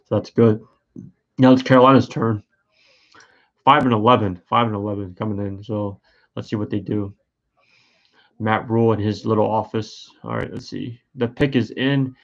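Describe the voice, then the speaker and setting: A fairly low-pitched man talks through a casual live stream, sleepy and yawning. He rambles and hesitates, restarting his sentences and filling gaps with ums and uhs. The audio is dull and lo-fi. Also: fairly even intonation, moderate pace, long pauses. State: tired and yawning. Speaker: sports streamer.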